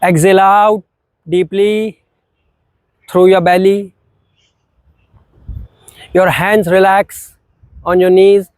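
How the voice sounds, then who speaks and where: Slow, calm man guiding breathing. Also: high-pitched, dry recording. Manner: slow, calm, short phrases with long pauses. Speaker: yoga teacher. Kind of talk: guided breathing meditation.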